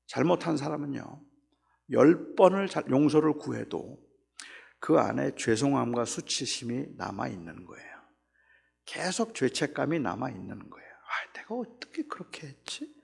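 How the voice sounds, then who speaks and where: A man preaching a reflective sermon as pastor, acting out quoted dialogue and dropping suddenly soft. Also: high-pitched, vocal fry.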